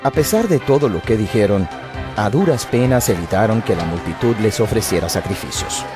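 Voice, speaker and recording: A man narrates the Bible from a script in a solemn style. His voice is low. Soft music runs underneath. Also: animated, brisk.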